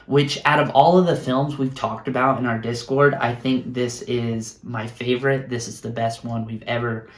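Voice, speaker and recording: A man's voice: mid-range voice, flat delivery, moderate pace, hardly any pauses. A man chatting casually and eagerly recommending films he bought, recorded at home. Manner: enthusiastic, recommends films earnestly. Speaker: guest showing his film haul. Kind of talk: casual film chat. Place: room in a home. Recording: roomy echoey room.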